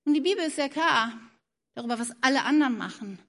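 A woman preaching a sermon, moving between animated questions and hushed, soft-spoken passages. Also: high voice, fast talker.

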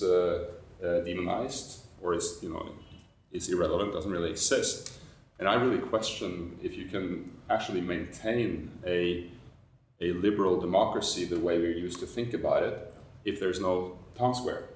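A man from Norway, speaking on a panel in a measured, hesitant way. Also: deep voice, slight background noise. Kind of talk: roundtable discussion. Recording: roomy echo, mic far off.

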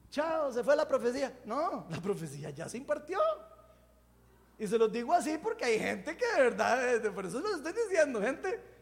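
Predicador de voz muy aguda, expresivo y bromista, sala con mucha reverberación. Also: male voice, very high-pitched. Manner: animated, jokey, conversational preaching. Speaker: preacher. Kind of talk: sermon.

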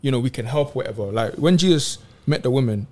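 A man in casual faith discussion on a podcast, animated and slangy, retelling Bible stories in street talk. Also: medium pitch, fast. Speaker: podcast co-host.

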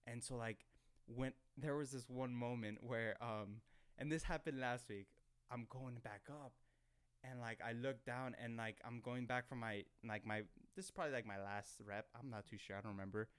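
A man's voice: medium pitch, fairly even intonation, normal speed, smooth. A young man hosting his own podcast, telling an embarrassing story in a rambling, self-conscious way at a desk microphone. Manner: rambling, self-conscious, heavy filler words and restarts. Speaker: podcast host. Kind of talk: casual storytelling monologue.

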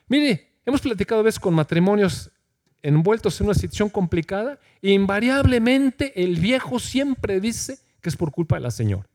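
A man's voice: sits high, darkish tone. A middle-aged man preaching a sermon in a church, reading scripture aloud and asking the congregation questions. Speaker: pastor.

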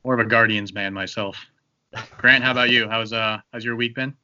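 A man's voice: fairly low pitch, fairly even intonation, a little fast, bright, forceful tone, highs cut off. A man hosting a casual podcast chat, joking and loose, with plenty of fillers. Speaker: podcast host.

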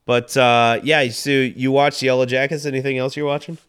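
A man on a podcast, telling a story in casual chat, rambling and swearing, with loud acted-out quotes. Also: mid-range voice, steady tone, moderate pace, clear, resonant tone. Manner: rambling, swearing, laughing, acts out quotes loudly. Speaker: podcast co-host. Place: Los Angeles.

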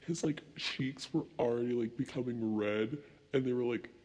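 A man's voice: medium pitch, moderate pace, low-quality recording. A young man co-hosting a casual late-night podcast, telling rambling stories full of swearing. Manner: rambling, swears a lot, animated storytelling. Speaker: podcast co-host.

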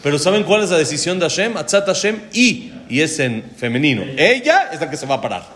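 A man, giving a religious lecture as a rabbi, who explains verses slowly, translates them and adds touches of humor. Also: on the high side, very animated, fairly bright tone. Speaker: rabbi teaching a class.

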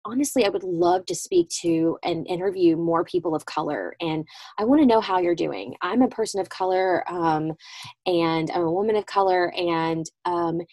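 A woman hosting a solo podcast from a small closet, talking informally and reflectively, with halting pauses. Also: lowish voice, expressive, mellow, no echo. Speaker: podcast host. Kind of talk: casual solo podcast monologue.

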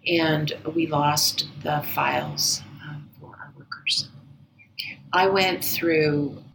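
A woman guest in an interview, telling a personal story in an earnest, measured way that often sinks to a near-whisper. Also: deep voice, fairly even intonation, creaky, fairly bright tone, a little hiss or hum, low-quality recording. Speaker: interview guest, former agency director.

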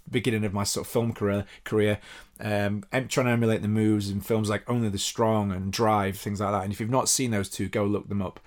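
A man with a Yorkshire accent hosting a podcast, chatting casually with many fillers and easy laughs. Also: fairly low pitch. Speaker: podcast host. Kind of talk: casual interview chat and solo wrap-up.

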